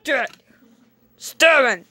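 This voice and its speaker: Excitable girl narrating her play, slow drawn-out talk, kinda highish, squeals a lot. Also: a little hiss or hum. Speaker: channel host. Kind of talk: playful running commentary while playing.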